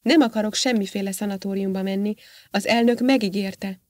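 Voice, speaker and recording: Tired astronaut guy, quiet and hesitant, audiobook style, woman reading him. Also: medium pitch, steady tone, no echo, lightly acted. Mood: insistent. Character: tense male astronaut, confused and weary.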